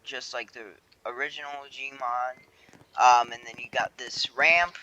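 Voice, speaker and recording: At home, a young man casually walks through his own game on a screen recording, rambling with fillers and correcting himself as the game's creator. His mid-range voice is steady, unhurried, pushed and bright, and the recording is rough.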